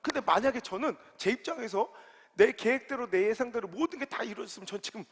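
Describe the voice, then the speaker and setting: Middle-aged male pastor, high gravelly voice, loud excited outbursts then hushed asides, long church-hall reverb. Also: fast talker. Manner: swings from loud, excited exclamations to quiet, low confiding. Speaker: senior pastor. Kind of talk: animated storytelling sermon. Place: large church sanctuary.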